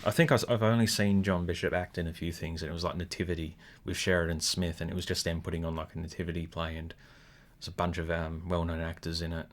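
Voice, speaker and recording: A man's voice: deep voice, level tone, quick pace. A man co-hosting a casual review chat with an Australian accent, chatty and hedging, often laughing. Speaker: podcast co-host.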